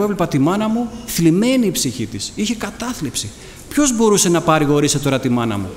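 High-voiced fervent male preacher, echoey hall. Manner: fervent, rhetorical questions, repeated thanksgiving. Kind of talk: sermon with personal testimony. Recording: echoey hall, faint background noise.

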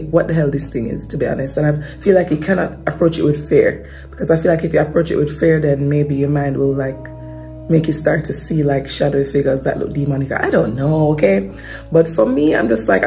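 A woman's voice: deep voice, creaky, warm tone. A young woman vlogging in a casual, confessional way, rambling and trailing off with repeated fillers. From Jamaica. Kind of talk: casual confessional chat to camera.

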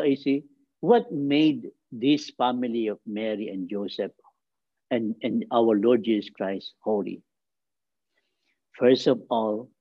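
A middle-aged priest giving a homily into a close webcam in a small chapel, talking slowly and haltingly with many fillers and restarts. His delivery rises to emphatic, stressed peaks. The sound is dull and dry. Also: medium pitch, dry recording.

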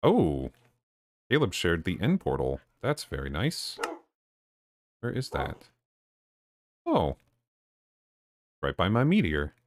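Deadpan low-voiced male streamer. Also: takes it slowly, pauses often. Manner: low-key and deadpan, even when excited. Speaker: live streamer. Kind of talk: casual live-stream chat while gaming. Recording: noisy with clicking in the background.

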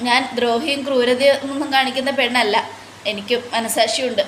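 A woman speaks as a gravely ill young mother from a TV serial, earnest and pleading, her voice set a little high. The words come through a roomy, echoing space. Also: a bit bright, a little hiss or hum, lightly acted. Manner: earnest, pleading retelling of dialogue. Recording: roomy echo.

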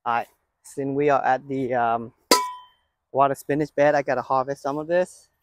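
With heavy background noise around him, a man with a mid-range voice talks at normal speed as he tours his outdoor vegetable garden and harvests. He's a gardening channel host shooting on a handheld phone camera, relaxed and chatty as he points things out on the move.

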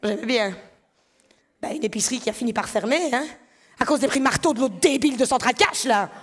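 A woman in her thirties with a Belgian French accent from the Liège area, telling stand-up stories on a theatre stage in an animated way and acting out voices. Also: fairly high pitch, fairly quick, breathy edge. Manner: animated storytelling, acts out voices. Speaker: stand-up comedian. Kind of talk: stand-up comedy monologue. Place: theatre stage before a live audience.

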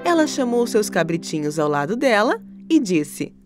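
A woman narrating a cartoon story for children in an expressive, animated storytelling manner. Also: medium pitch, normal speed. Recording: narration with music underneath.

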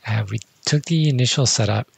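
A man, a civil designer, giving measured technical answers in a podcast interview. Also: medium pitch, gravelly, husky, no echo. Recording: dull dry studio sound.

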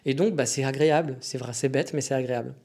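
A man's voice: mid-range voice, quick pace, dark tone. A young French man with a French accent, hosting a casual solo podcast, joking and chatty with many fillers and restarts. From France. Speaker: podcast host.

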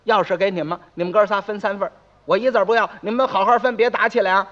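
Brief: a man voicing a brisk, shrewd older Beijing woman, high and bright, lo-fi tone. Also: fairly even intonation, heavy background noise, close to an everyday voice. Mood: firm. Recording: dull lo-fi recording.

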